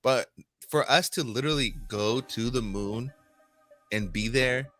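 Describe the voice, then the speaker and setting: A man's voice: medium pitch, unhurried, fairly bright tone, no echo, soft background music. A man hosting a casual group chat about crypto, enthusiastic and rambling, laughing easily.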